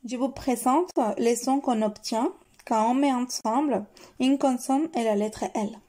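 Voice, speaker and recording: Slow, mellow French woman teaching syllables. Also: a little high. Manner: slow, careful syllable-by-syllable drilling. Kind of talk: reading a phonics lesson.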